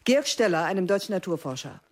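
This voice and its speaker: Eine Schauspielerin spricht in einem Hörspiel eine strenge, trockene Biologielehrerin in ihren Fünfzigern, die belehrend und mit Kunstpausen doziert. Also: female voice, on the low side, animated. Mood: lecturing. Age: 50s. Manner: measured, lecturing, with theatrical pauses. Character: strict, dry female biology teacher in her fifties. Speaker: teacher. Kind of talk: radio drama acting.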